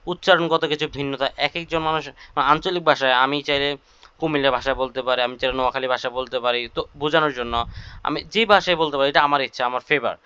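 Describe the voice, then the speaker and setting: Bright, crisp man explaining a class. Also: a little high. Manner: reassuring, explaining at length with fillers. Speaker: instructor. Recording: dry, dull lo-fi sound.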